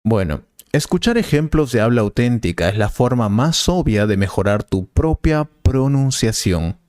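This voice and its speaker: A man playing a patient Spanish teacher, explaining slowly and calmly in a scripted learner dialogue. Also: mid-range voice, no room sound, clean studio sound, close to an everyday voice. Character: patient male professor, helpful and calm.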